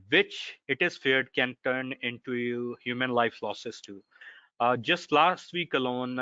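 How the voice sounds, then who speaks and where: A man with a Pakistani accent explaining law in an online question session, emphatic and deliberate. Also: mid-range voice, pushed and bright, no echo. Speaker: seminar speaker answering legal questions. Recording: dry, slightly dull online audio.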